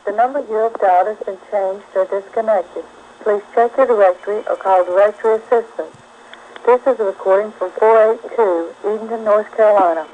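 A woman speaking in a measured, formal announcer voice on a recorded phone company intercept message. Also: medium pitch, fairly even intonation, mellow. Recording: tinny phone line with faint noise.

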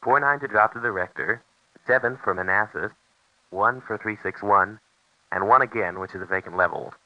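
A man's voice: lowish voice, normal speed, a little hiss or hum. A man on an old 1970s tape recording, methodically narrating a telephone call demonstration and reading out the digits step by step.

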